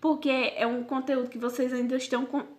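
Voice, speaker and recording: A woman teacher giving a recorded grammar lesson to her students, patient and repetitive, checking in with "certo?" after nearly every point and sounding out syllables slowly. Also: sits high, level tone, a little mellow. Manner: patient, repeats "certo?" often.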